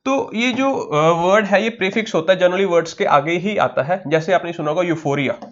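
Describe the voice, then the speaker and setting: A man's voice: sits high, muffled recording. A man with an Indian accent teaching vocabulary in an online exam-prep lesson. He asks his own questions and then answers them. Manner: spells words slowly letter by letter.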